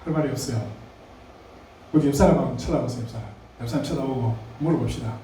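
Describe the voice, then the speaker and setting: A man's voice: mid-range voice, quick pace, dark tone, slight background noise. A male pastor preaching a sermon in a conversational way, putting questions to the congregation. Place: church sanctuary. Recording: echoey church hall, mic at a distance.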